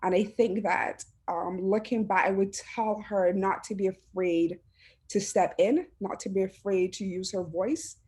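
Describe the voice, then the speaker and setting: A woman's voice: mid-range voice, steady tone, unhurried, darkish tone. A woman from Barbados, speaking earnestly and from the heart as a panelist on a video call, often restarting her phrases. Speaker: panelist, education administrator. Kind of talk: reflective personal talk on a panel.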